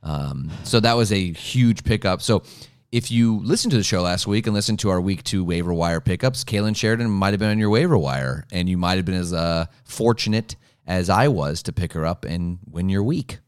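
A man's voice: sits low, lively intonation, normal speed, few pauses, clear, resonant tone, no room sound, clean studio sound. A man co-hosting a sports podcast, chatting casually and teasing his co-host in an easygoing way.

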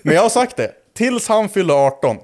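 A man's voice: high voice, sing-song, a little mellow, soft background music. A young man in his twenties telling a rambling party story in casual chat, acting out quotes and laughing as he goes.

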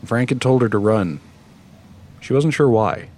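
A man reading a horror story aloud with steady, measured narration. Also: medium pitch.

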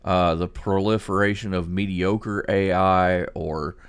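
A man hosting a podcast, discussing news conversationally in a halting way, repeating words as he thinks aloud. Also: low voice, fairly even intonation, clean tone. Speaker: podcast host.

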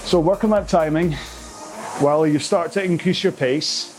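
Chatty rowing coach. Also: male voice, fairly high pitch, moderate pace, music in the background. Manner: chatty, rambling, self-aware explanations. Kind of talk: workout instruction.

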